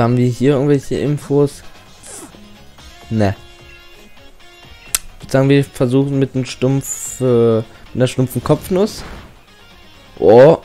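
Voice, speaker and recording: A man's voice: medium pitch, a little mellow. A young man giving casual, slangy let's-play commentary as a channel host, often reading game text aloud.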